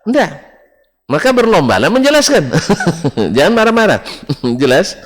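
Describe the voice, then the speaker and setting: A man preaching a religious lecture to a congregation, often asking the audience if it is clear and chuckling along the way. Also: sits high, huge pitch swings, unhurried. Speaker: Islamic preacher teaching a book study. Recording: long hall reverb.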